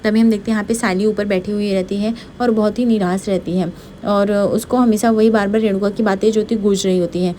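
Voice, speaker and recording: A woman's voice: medium pitch, fairly even intonation, dark tone, slight background noise. A woman narrating a casual retelling of a TV serial episode, reading every character's lines herself. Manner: rapid, reads every character's lines plainly.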